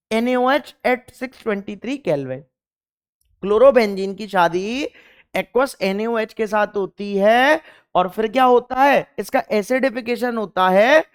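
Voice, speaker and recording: A man's voice: very high voice, a bit bright, clear, resonant tone. A young man teaching chemistry in an exam-focused lecture, emphatic, repeating key points and firing questions at the class.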